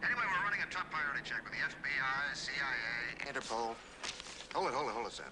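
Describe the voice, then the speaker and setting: An actor playing a brisk, businesslike but excitable male agency chief. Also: medium pitch, lightly acted. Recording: clear background noise.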